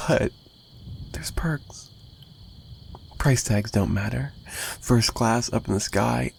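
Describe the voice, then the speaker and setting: A man with a lowish, darkish voice plays an obsessive, lovesick mafia boss in an intimate ASMR roleplay, possessive and menacing yet pleading. His speech is halting and repetitive, drifting into breathy whispers over slight background noise.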